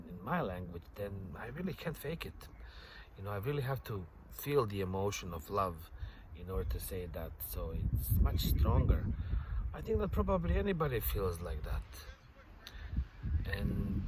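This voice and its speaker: Here a middle-aged man with a low voice, Bosnian by first language, records a casual reflective monologue for his vlog from a bench by a lake. He muses and wanders in his talk, often saying "you know" and laughing softly, as outdoor noise and traffic fill the background.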